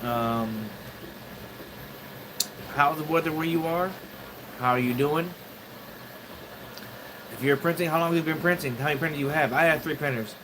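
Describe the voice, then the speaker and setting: A man's voice: a little high, background noise. Rambling man chatting on a livestream. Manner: rambling, halting, greets chat viewers. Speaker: 3D printing livestreamer. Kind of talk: casual livestream chat. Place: home studio.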